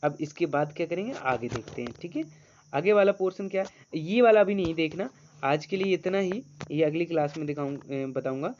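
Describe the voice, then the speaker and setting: A male teacher leading an online grammar class, coaxing students and reading English sentences slowly. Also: a little high, expressive, a little mellow, slight background noise. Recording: dull lo-fi sound.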